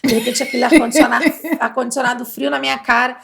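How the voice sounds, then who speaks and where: Brazilian female co-host, gravelly, animated storyteller. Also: high voice, quick pace. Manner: lively, laughing, theatrical retelling. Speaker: podcast co-host. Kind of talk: casual storytelling chat.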